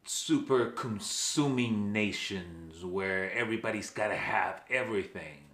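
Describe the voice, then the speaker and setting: A man's voice: on the low side, a little slow, fairly bright tone, roomy sound. A man from Venezuela, hosting his own channel, speaking emphatically and often checking in with "okay" and questions to his viewers. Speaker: vlog host. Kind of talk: direct-to-camera commentary.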